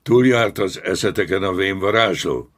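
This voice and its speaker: A man voicing a stern, wrathful royal judge in an audiobook, commanding and loud. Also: sits low, expressive, creaky, full character voice. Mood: furious. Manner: commanding, shouting when angered. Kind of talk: audiobook character voice.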